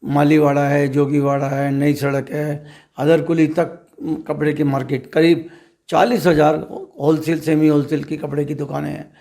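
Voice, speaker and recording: A man, a trade representative, giving measured, emphatic interview answers and often posing rhetorical questions. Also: on the high side, monotone, gravelly, mellow. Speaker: trader association leader interviewed as guest.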